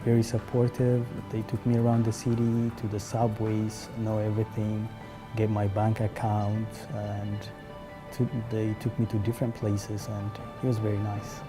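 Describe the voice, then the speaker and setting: A young man, telling his story as a resettled refugee in a documentary interview, speaking haltingly with frequent fillers. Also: lowish voice. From Eritrea, born in Ethiopia.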